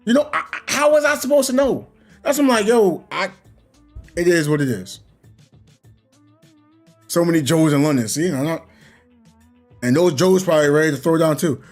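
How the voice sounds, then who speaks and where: A man chats casually while he plays, rambling through a story and voicing everyone in it. His voice is husky and swings widely up and down in pitch. Faint music plays underneath. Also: animated, normal speed, pauses often. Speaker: gaming streamer. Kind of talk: casual chat while gaming.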